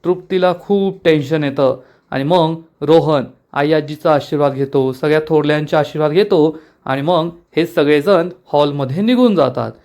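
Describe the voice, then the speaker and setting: A man narrating a TV serial episode recap in an animated, dramatic storytelling way. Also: on the high side, moderate pace.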